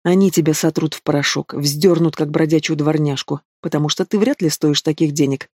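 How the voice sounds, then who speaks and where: A man's voice: a little high, fairly even intonation, a little fast, darkish tone, dry recording, natural voice. A man voicing a cold, cynical young man who threatens and mocks, in a dry storybook reading. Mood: mocking, threatening.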